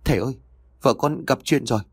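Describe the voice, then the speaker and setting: A man playing a frightened young husband in a ghost story audiobook, shaky and pleading. The voice sits low but swings widely in pitch, recorded close and dry. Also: lively intonation, a little fast, dry recording. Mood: panicked. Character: terrified young husband, trembling and desperate.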